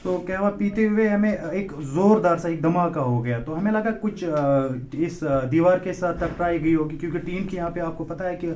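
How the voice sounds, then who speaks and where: A young man, a shop owner giving a halting, urgent account in an outdoor news interview. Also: sits high, a little mellow, slight background noise. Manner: halting, with many fillers, growing urgent. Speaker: shop owner telling of a fire. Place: outdoors beside a burnt shop.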